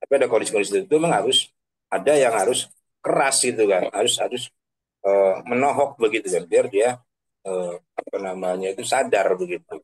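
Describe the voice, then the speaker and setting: A man's voice: lowish voice, a little fast, breathy edge, low-quality recording. A man giving a casual online religious talk as a preacher. He speaks in slangy everyday phrasing, tags his sentences with filler questions and laughs at his own examples. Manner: chatty, tags sentences with 'kan begitu'. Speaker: Islamic preacher.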